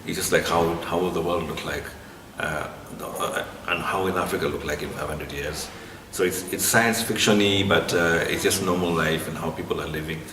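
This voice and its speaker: A man with a Kenyan accent answering interview questions conversationally, in a halting way with repeated phrases. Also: deep voice, fairly even intonation. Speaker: interviewee, literary blogger. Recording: distant, echoey, noisy room.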